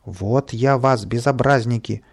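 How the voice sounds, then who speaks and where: A man voicing an angry park gardener who scolds and yells after children. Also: mid-range voice, moderate pace, close to an everyday voice. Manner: shouting, scolding. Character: angry male park gardener chasing kids.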